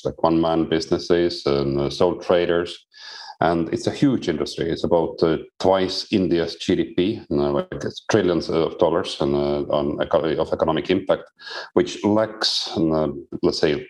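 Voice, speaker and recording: A middle-aged or older man speaking as a panel guest, explaining business in a measured, conversational way. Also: a bass voice, darkish tone. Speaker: company chief executive, panel guest.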